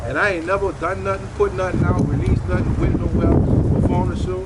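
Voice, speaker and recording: A man with a high-pitched voice and a New Orleans accent talks in loose street slang. He pushes his advice emphatically, repeating key phrases like a motivator. Traffic and outdoor noise are clearly heard behind him. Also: flat delivery, fairly quick. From New Orleans, USA. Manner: emphatic, repetitive motivational talk. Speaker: rapper giving career advice. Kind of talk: casual street-slang chat.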